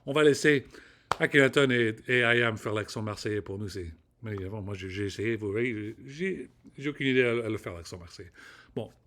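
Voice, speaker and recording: A man from Rennes in Brittany, rambling through a casual solo vlog with an excitable pep talk and casual swearing. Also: lowish voice, brisk. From Rennes, Brittany, France. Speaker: vlogger.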